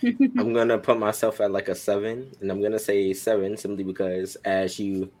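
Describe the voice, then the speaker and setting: Low-voiced young man talking with braces. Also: expressive, moderate pace, darkish tone. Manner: talking with new braces in his mouth. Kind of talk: casual chat.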